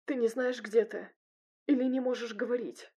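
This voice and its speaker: A woman's voice: fairly high pitch, fairly even intonation, normal speed, warm tone, breathy edge, voice pushed up. A woman reading the part of a tough young man who talks in dry, clipped phrases. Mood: curt. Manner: clipped and dry, bursting into threats.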